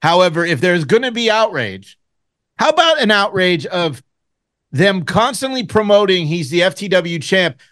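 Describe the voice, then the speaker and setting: A man's voice: sits high, very animated, moderate pace, fairly bright tone. A man co-hosting a wrestling podcast, reasoning through his opinion. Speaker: podcast co-host. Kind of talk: casual wrestling podcast chat.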